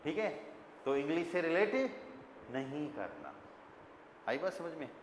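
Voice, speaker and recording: A man's voice: fairly high pitch, huge pitch swings, a little slow. A man with an Indian accent teaching a class, quizzing his students and spelling words out letter by letter. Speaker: German teacher. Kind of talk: classroom lesson. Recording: echoey classroom with long reverb, faint room noise.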